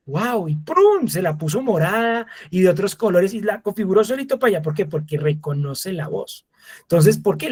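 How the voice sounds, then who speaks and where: A man in his thirties lectures a live masterclass audience. His voice sits a little high and has a husky edge. He talks in an animated way and acts out short exchanges with voice assistants.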